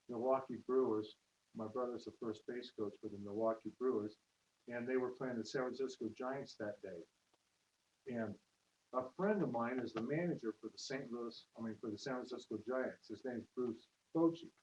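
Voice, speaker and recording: A man's voice: medium pitch, darkish tone. A man telling stories in a rambling, casual way, quoting people in raised voices as he speaks to a room at an open house. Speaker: network marketer. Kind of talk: casual testimonial talk. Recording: distant roomy lo-fi livestream with hiss.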